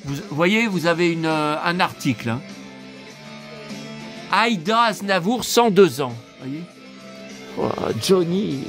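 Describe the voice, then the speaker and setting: A hoarse man in a casual vlog, talking to his viewers and muttering exclamations to himself as he browses through his purchases. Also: on the high side, animated, takes it slowly, long pauses, over music. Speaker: vlogger showing his purchases.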